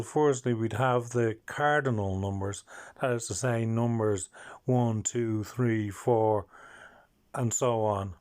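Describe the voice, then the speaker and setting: A medium-pitched man with an Irish accent hosts a language-learning video. He carefully explains and repeats each number word.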